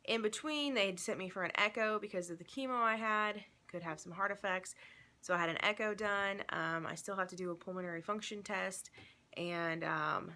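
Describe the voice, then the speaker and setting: Chatty bright-voiced young woman. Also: medium pitch, moderate pace. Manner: chatty, rambling, with many ums and restarts. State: out of breath. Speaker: vlogger. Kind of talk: casual chat. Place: home.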